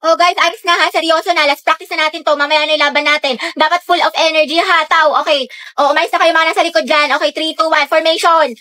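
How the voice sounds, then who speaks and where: Woman, high pitch, comedic skit acting, gossipy, exaggerated. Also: fairly even intonation, quick pace, pauses often, bright, forceful tone.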